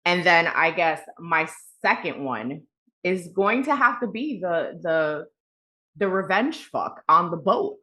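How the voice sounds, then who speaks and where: Animated profane woman chatting books. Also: fairly low pitch. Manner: animated, frank and profane, many fillers. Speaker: podcast co-host. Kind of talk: casual book review chat.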